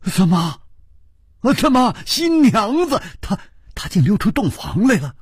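A man's voice: high-pitched, huge pitch swings, moderate pace, husky, dry recording, studio quality, voice pushed up, exaggerated voice. Chu Liuxiang, a man doing a flustered stammering hero. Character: flustered young hero, stammering when cornered.

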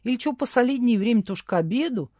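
Lady reading as a big loud boss guy, hearty and teasing, booming voice, dry close sound. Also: lively intonation, rapid-fire, no echo. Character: loud jovial boss man, hearty and brash.

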